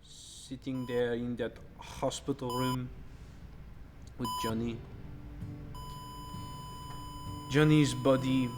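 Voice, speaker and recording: An actor playing a rock band drummer who speaks candidly. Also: male voice, mid-range voice, flat delivery, takes it slowly, background noise, close to an everyday voice. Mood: somber. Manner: candid, reminiscing. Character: rock band drummer, male, nostalgic interviewee. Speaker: interviewee. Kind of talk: mockumentary interview. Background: music.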